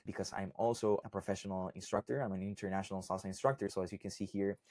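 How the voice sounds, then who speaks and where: Low-voiced Costa Rican man explaining casually. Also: a little mellow, no room sound, clean studio sound. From Costa Rica. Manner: conversational, often ends points with "right?" and "okay?". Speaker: salsa instructor. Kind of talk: casual explainer talk to camera.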